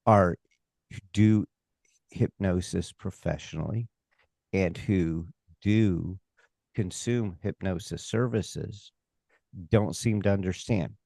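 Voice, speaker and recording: An American man with a fairly low voice speaks very slowly and emphatically in casual interview talk. He is opinionated, halting to restart and throw in rhetorical asides, and the sound is close and dry. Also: creaky, dark tone, dry recording. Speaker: stage hypnotist and comedy performer, interview guest.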